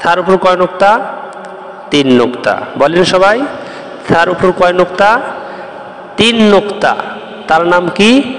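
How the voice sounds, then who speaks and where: A man's voice: sits high, unhurried, pauses often, a bit bright, roomy sound, big-room sound. A man from Bangladesh teaching the Arabic letters, explaining each step patiently and chanting the rhymes in a sing-song voice. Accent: Bangladeshi Bengali. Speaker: Quran teacher.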